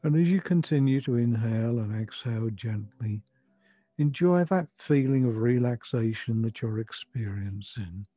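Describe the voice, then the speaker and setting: An older man with a soft, breathy voice gently guiding a breathing and relaxation meditation in soothing, measured instructions. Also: medium pitch, expressive, no echo. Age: 60s or older. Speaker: relaxation therapy guide. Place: furnished room at home. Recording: dull lo-fi sound, music behind. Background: music.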